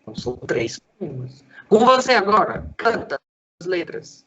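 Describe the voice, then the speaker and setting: A male school teacher giving a Portuguese lesson, sounding out syllables slowly and quizzing a student. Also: high-pitched, very animated, a bit bright, slightly rough, lo-fi sound. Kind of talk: lively classroom lesson for sixth graders.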